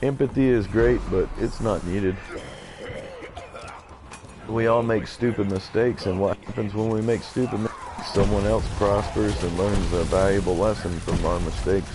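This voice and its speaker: Low-voiced man rambling over live gameplay. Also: steady tone, moderate pace, noisy background. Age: 30s. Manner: rambling and chatty, talking to his viewers. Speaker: live game streamer. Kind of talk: casual live gameplay commentary.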